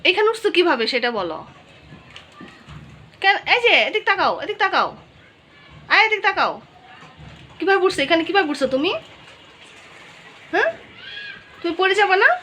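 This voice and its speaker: A young mother at home playfully scolds her little child in a casual vlog shot on a phone, repeating the same questions over and over. Her very high-pitched voice is sing-song, pushed, and bright, moving at a normal speed with long pauses, with slight background noise behind it.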